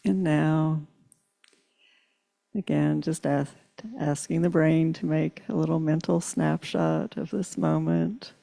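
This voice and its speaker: A woman leading a guided meditation in slow, soothing, drawn-out phrases. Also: low voice, expressive, creaky, warm tone. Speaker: meditation leader.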